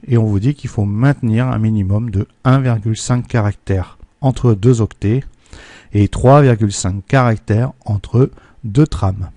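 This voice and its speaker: A man teaching a technical lesson, walking through a correction step by step, patiently checking that his students follow and slowing down on numbers. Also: lowish voice, warm tone, no echo. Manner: patient, checks in with "d'accord?" and "hein"; slows down to spell out numbers and steps. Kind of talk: screen-recorded lesson correction.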